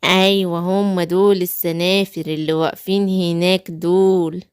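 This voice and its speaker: A woman's voice: fairly low pitch, level tone, normal speed, clean tone, no room sound, clean studio sound, lightly acted. A woman with an Egyptian accent voicing a wicked, scheming witch in a home-made children's story play. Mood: sly. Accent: Egyptian Arabic.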